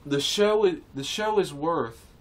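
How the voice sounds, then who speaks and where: A man's voice: a little high, measured pace. A man ranting to camera in a casual video, rambling and repeating himself, with many restarts, indignant and earnest. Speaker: vlogger. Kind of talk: casual opinion rant to camera.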